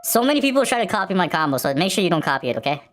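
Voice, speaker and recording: A man disguising himself with a voice changer to play a loud, excitable gamer while trolling on a voice call. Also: sits high, very fast, faint music behind. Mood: hyped. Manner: hyped, shouty, repeats slang.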